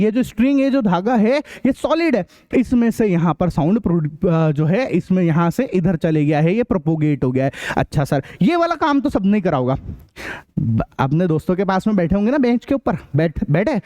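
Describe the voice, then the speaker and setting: A young male teacher gives a lively, joking science lecture. His voice sits high for a man, and he breaks into drum and bell sounds and acts out little voices as he explains. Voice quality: playful, imitates sounds and voices. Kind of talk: lively classroom lecture with jokes and sound effects.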